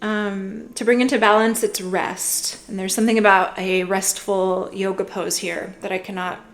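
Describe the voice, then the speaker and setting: A young woman giving a casual tarot reading, musing gently and filling her talk with "like" and "you know". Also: mid-range voice. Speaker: tarot reader.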